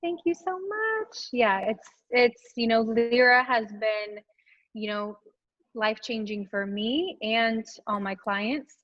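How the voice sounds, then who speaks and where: A woman's voice: on the high side, steady tone, takes it slowly, dull audio. A woman esthetician and clinic owner, a podcast guest, talking in a friendly, chatty way with fillers. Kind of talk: casual interview chat.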